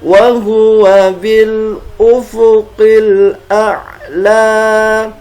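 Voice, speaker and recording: A male Quran teacher with an Indonesian accent demonstrates melodic recitation, over-enunciating each drawn-out syllable. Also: sits high, flat delivery, darkish tone, soft background music. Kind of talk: instructional lesson with slow melodic Arabic recitation examples.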